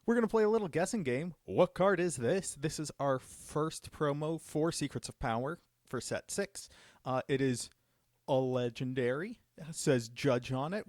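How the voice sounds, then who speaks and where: A man's voice: mid-range voice, a little mellow, no room sound, clean studio sound. A man hosting a live stream Q&A, casually revealing cards with enthusiasm. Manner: enthusiastic, upbeat card reveals. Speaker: judge program host.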